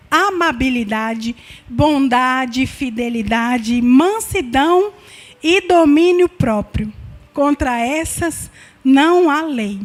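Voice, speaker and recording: A woman with a Brazilian Portuguese accent preaching a sermon in an earnest, conversational way, often repeating herself. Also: high-pitched.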